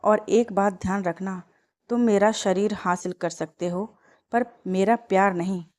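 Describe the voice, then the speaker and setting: A woman's voice: mid-range voice, fairly even intonation, measured pace, a little mellow, close to an everyday voice. A woman voicing a grieving, resentful young wife in a storybook tale. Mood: bitter.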